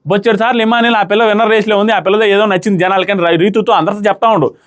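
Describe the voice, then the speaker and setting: A man's voice: high voice, steady tone, rapid-fire. A young man giving casual, opinionated commentary as a reality show reviewer, emphatic and full of rhetorical questions.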